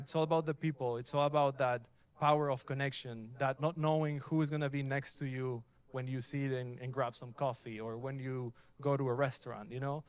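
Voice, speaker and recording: A young adult man from Mexico speaks with a clean, medium-pitched voice as he gives a laid-back, upbeat meetup talk about tech. He's in an event space with a live audience and keeps asking them questions.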